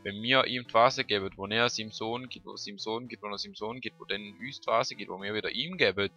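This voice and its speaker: A man's voice: lowish voice, fast, soft background music. A man with a Swiss German accent giving casual, chatty commentary over a video game he plays, often muttering to himself. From Switzerland. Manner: chatty, muttering to himself, bursts of frantic shouting. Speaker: let's play host.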